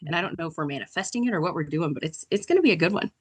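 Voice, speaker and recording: A woman's voice: fairly low pitch, lively intonation, rapid-fire, breathy edge. A woman co-hosting a podcast as an HR director, chatty and peppered with "like". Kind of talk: casual podcast chat.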